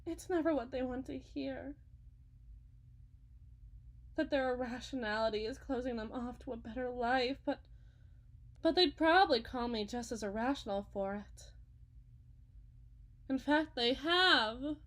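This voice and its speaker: In a dramatic ASMR roleplay monologue, a woman plays an unsettling faith healer and self-styled prophet, speaking slowly in a very high voice. Utterly fervent yet sorrowful and resigned, she preaches sweetly and theatrically, pleading in a sing-song way with drawn-out words and sudden hushes.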